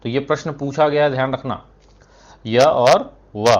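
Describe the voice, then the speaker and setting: A man's voice: mid-range voice, a little slow. A male Hindi teacher explaining step by step in a classroom lesson, asking questions and answering them himself, with frequent "thik hai" fillers. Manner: keeps adding "thik hai" between phrases; clears his throat now and then.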